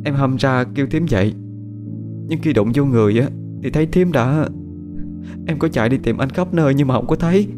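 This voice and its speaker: A man voicing a gentle young village woman who speaks tearfully and pleads, stammering at times. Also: mid-range voice, fairly even intonation, racing, few pauses, music in the background, pitched above the performer's own voice, natural voice.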